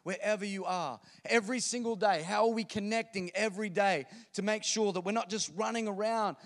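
High-voiced pastor in a hall. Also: male voice, brisk. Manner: swings between loud animated outbursts and quiet earnest talk. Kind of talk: sermon. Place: large church hall.

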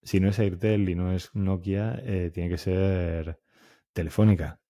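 A man's voice: deep voice, steady tone, unhurried, mellow. A man in his thirties with a Spanish accent from Spain, co-hosting a casual podcast, joking and swearing casually. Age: 30s. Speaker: podcast co-host.

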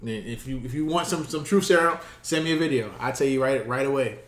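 A man's voice: mid-range voice, brisk. Earnest man in an echoey room. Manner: earnest, advice-giving, relaxed slang. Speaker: podcast co-host. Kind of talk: casual podcast chat. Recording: roomy echo.

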